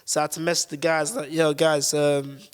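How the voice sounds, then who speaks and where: A man's voice: a little high, level tone, brisk, smooth. A man telling a loose story as a guest, giggling and quoting his friends. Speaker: crew member guest. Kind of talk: casual storytelling. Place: small DIY studio.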